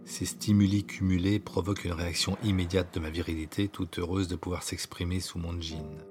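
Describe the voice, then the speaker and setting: A man reading his own autobiographical story as scripted narration, in an intimate, hushed way that at times drops to a whisper. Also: low voice, flat delivery, brisk. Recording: narration over clear background music.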